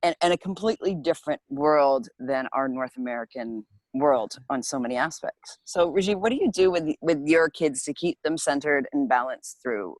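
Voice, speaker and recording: A woman's voice: deep voice, expressive, moderate pace, hardly any pauses, a little mellow, dry recording, rough recording. A woman moderates a group video call, passing the floor to guests with eager, lavish introductions. Her voice sounds close and dry. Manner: enthusiastic, effusive introductions. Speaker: host.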